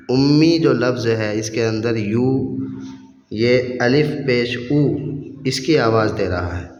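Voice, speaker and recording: A man teaching the sounds of English letters, pausing to stretch out every example word. His voice is mid-pitched and carries a long, roomy reverb. The audio is dull and slightly muffled. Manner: slow, stretched example words.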